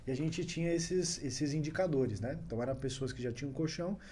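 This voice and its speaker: Animated man telling stories. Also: on the high side, brisk, slight background noise. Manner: animated anecdote-telling, chuckles often. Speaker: guest entrepreneur. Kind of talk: casual podcast storytelling.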